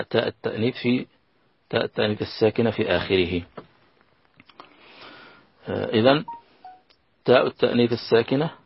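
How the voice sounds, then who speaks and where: A man teaching a lesson on Arabic grammar, slow and patient, repeating key phrases and working through examples. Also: on the low side, breathy edge, dry recording, highs cut off. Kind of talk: recorded classroom lesson.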